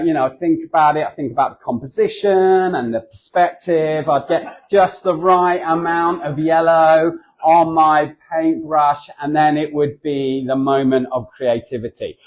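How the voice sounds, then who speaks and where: At a church, a forties-aged guest speaker with a southern English accent talks a bit slowly in a fairly high, steady voice. He jokes at his own expense in a conversational way and acts out voices within his anecdotes.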